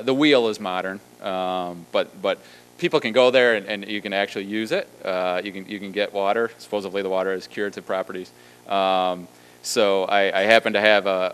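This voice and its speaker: A man, a theology professor, giving a lively storytelling lecture with a conversational, animated manner and frequent asides. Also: fairly low pitch, clear, resonant tone.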